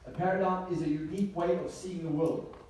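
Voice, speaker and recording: Speaking to a live seminar audience in an echoey indoor hall, this South African man has a high, slightly mellow voice and a steady, fairly quick delivery. He is emphatic, repeats key phrases, and poses rhetorical questions, recorded from a distance with faint noise.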